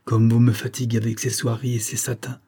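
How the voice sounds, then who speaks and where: A man's voice: mid-range voice, a little fast, warm tone, voice pushed up, natural voice. A man voicing a proud, cold young woman in an audiobook, speaking haughtily and impatiently. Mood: scornful.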